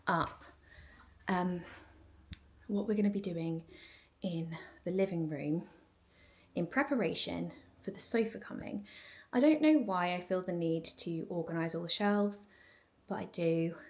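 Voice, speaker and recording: A woman in her thirties, chatting casually to camera while she tidies her home, upbeat, with quiet asides now and then. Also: on the low side, a little hiss or hum. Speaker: vlogger. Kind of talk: casual chat while tidying. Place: home, moving between rooms. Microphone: handheld camera.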